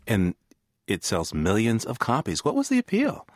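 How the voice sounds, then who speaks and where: A man with a low voice hosts a public radio interview. His pitch moves in wide, lively sweeps as he puts his questions. The sound is close and dry, and he often repeats words as he starts a sentence. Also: normal speed, dry recording. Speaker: radio show host.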